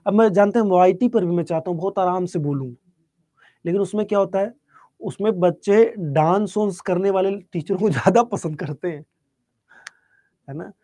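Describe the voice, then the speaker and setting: A man teaching a live online exam-prep class, speaking softly and unhurriedly while answering students' chat questions. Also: sits high, no room sound. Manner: soft-spoken, calm and unhurried.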